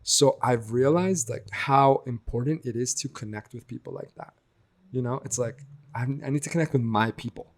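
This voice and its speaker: A young man from the United States, a guest speaking reflectively in a casual interview, lively when he quotes others. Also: medium pitch, moderate pace.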